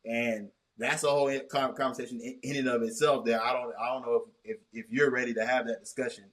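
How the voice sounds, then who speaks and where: A man hosting a casual sports chat, talking in long rambling runs with many restarts and a measured, cautious tone. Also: mid-range voice, little pitch movement. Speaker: host.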